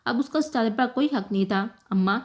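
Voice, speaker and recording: A woman reads a romantic novel aloud, slightly high in pitch. Her narration is emotive and measured, with a steady storytelling flow. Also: lo-fi sound. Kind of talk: scripted novel reading.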